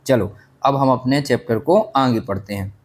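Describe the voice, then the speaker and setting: A male teacher explaining an English chapter in a lesson, pausing to ask his class rhetorical questions and coughing now and then. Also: mid-range voice. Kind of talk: Hindi-medium English literature lesson.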